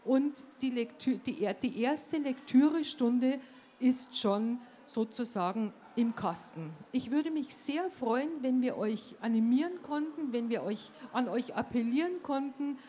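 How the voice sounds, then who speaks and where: A woman's voice: fairly high pitch, lively intonation, measured pace, dark tone, slight background noise. Woman host making emphatic appeals. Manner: emphatic, appealing directly to listeners. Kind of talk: enthusiastic spoken address.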